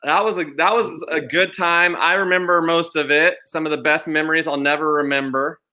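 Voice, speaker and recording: A man co-hosting a casual chat show, upbeat and energetic. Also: fairly high pitch, fairly quick, slight background noise. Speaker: co-host.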